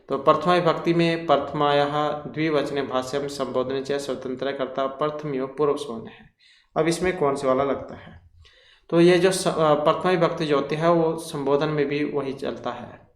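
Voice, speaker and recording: A man's voice: fairly high pitch, reverberant. A man teaching an exam-prep grammar lesson, explaining each question step by step and reeling off lists of terms.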